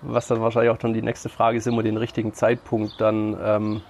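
Flat-voiced man explaining, many fillers. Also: lowish voice, creaky, a little hiss or hum. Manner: halting, frequent fillers. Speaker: podcast guest. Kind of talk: casual explanatory chat.

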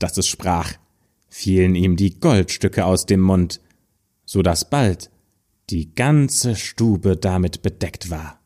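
Man reading a fairy tale, slow pace, lively rise and fall, fairly low voice. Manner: slow, lively storytelling, raising his voice for quoted figures. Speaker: storyteller.

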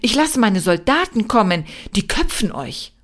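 A woman's voice: mid-range voice, sing-song, measured pace. A woman voicing a self-important army general in a read-aloud folk tale, commanding and boastful. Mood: bellowing. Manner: bellowing, commanding.

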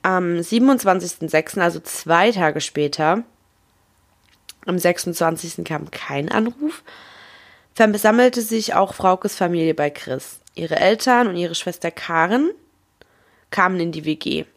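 A woman's voice: fairly low pitch, expressive, measured pace. A woman casually narrating a true crime case, reading quoted phone dialogue aloud with small slips and casual asides.

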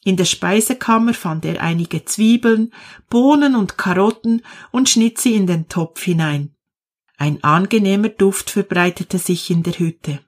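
Female narrator, slow, calm storybook read, mid-pitched voice. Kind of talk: storybook reading.

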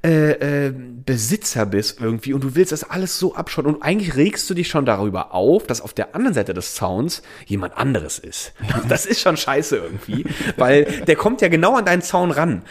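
A man's voice: medium pitch, sing-song, moderate pace, few pauses. A man from Germany co-hosting a casual podcast chat, rambling with many restarts and frequent laughs. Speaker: podcast co-host.

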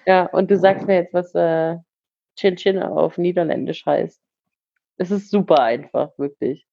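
A woman co-hosts a podcast with a friend over a video call. She is chatty and playful and laughs easily. Her voice is a little husky and the recording sounds dry and dull. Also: fairly low pitch, measured pace, dark tone, no echo. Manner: giggly, chatty, playful teasing. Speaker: podcast co-host.

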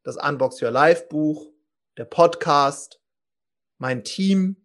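A man in his forties telling a story as a podcast guest, animated, acting out quotes and restarting often. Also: fairly high pitch, takes it slowly. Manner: lively, acts out quotes, many restarts.

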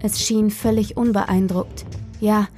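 A woman's voice: medium pitch, steady tone, slow pace, a little mellow, faint music behind. A woman narrating a first-person horror story in a tense, dramatic reading.

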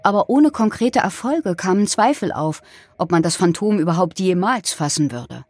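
Give me a husky, low-voiced woman for scripted true-crime narration. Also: lively intonation, moderate pace, darkish tone, dry recording.

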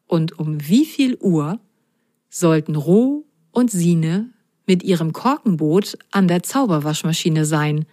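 A woman reading a children's story aloud in a gentle, clear way and speaking directly to the children listening. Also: low voice, dry recording, studio quality.

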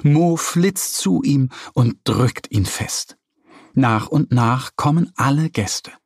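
A man reading a children's story aloud with calm, expressive storytelling. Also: medium pitch, slow pace, husky, no room sound, studio quality. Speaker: narrator.

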